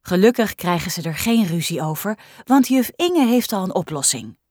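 A woman narrating a children's storybook in a clear, expressive way. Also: on the low side, moderate pace, no echo, studio quality. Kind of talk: storybook reading.

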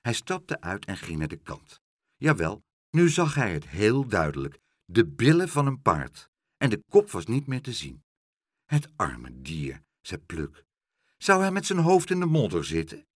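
A man reading a children's story aloud with expressive, unhurried narration. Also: on the low side, dry recording, studio quality. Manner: expressive and slow, with dramatic pauses.

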